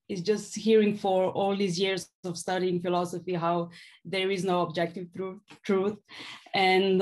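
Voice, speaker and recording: A woman with a Slovenian accent speaks in a casual interview at a medium pitch. Her delivery is halting and hesitant, as she feels her way toward each word. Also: darkish tone. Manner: hesitant, halting, searching for words. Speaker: podcast guest, philosophy PhD student and stand-up comedian.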